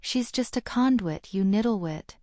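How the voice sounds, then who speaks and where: A woman's voice: medium pitch, expressive, normal speed, warm tone, dry recording, clean studio sound, natural voice. A woman voicing a haughty young aristocratic schoolboy who speaks in a bored, drawling sneer, as in an audiobook. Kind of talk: audiobook character reading.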